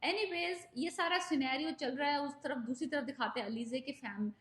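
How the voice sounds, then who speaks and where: Brief: female drama reviewer, high voice, chatty and opinionated, echoey room. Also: normal speed, fairly bright tone. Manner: chatty, opinionated, mixes in English phrases. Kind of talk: casual recap vlog.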